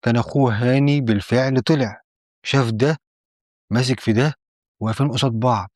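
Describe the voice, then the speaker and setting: رجل بلهجة مصرية يحكي قصة جريمة بأسلوب درامي، ويمثل أصوات الشخصيات بتغيير نبرته. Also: male voice, fairly quick, darkish tone, no echo, clean studio sound. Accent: Egyptian Arabic. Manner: acts out each character's lines with shifting pitch. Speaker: storyteller. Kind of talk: dramatic crime storytelling.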